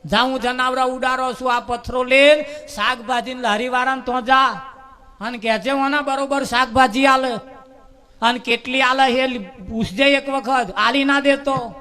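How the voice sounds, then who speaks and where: A man doing a stern old guru giving sharp orders. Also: extremely high pitch, fairly even intonation, unhurried, full character voice. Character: stern elderly male guru scolding a foolish disciple.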